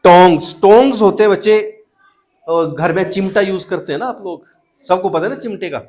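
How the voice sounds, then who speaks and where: A young man whose voice sits high and sounds a little mellow teaches math to kids at a moderate pace. Mixing Hindi with English, he coaxes them along by repeating his questions.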